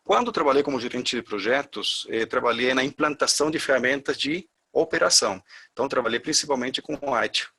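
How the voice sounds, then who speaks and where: A middle-aged Chilean man, a course instructor whose first language is Spanish, lectures a class in Portuguese with a Chilean Spanish accent, using many fillers and restarts. His mid-range voice is fairly quick, bright, forceful and slightly rough.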